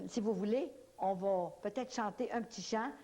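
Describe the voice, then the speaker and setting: Woman, Québécois accent, religious testimony, folksy storytelling, warm mellow voice. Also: medium pitch, moderate pace. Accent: Québécois French. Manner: animated, folksy storytelling with many "là" fillers. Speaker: lay speaker giving a religious testimony. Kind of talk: spoken religious testimony to an audience.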